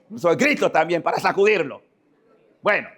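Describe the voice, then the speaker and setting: Male priest from Panama, fairly high and very lively voice, shouting church sermon that acts out the scripture. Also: brisk. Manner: shouting, animated, dramatic acting out of scripture.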